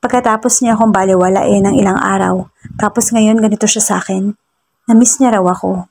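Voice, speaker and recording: A woman's voice: mid-range voice, fairly even intonation, brisk, a little mellow. A woman narrating a first-person romance story, reading it plainly and mixing in English lines.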